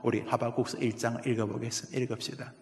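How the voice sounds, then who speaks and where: A man's voice: mid-range voice, flat delivery, quick pace. A male pastor preaching a sermon, passionately acting out the prophet's cries of lament. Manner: impassioned, acts out cries of lament. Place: church sanctuary. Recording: echoey church hall.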